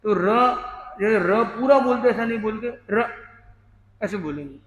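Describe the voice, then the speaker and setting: A man teaching a hymn workshop, explaining the meaning and pronunciation word by word and chanting the verses slowly. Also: high-pitched, lively intonation, a bit bright. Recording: echoey hall with long reverb.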